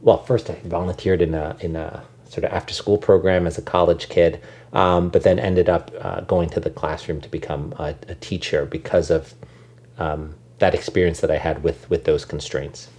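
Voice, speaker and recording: Here a US-born guest who leads an education nonprofit answers interview questions in a conversational way, pondering as he goes and often restarting or saying um. His voice is low and darkish, with a steady tone and moderate pace.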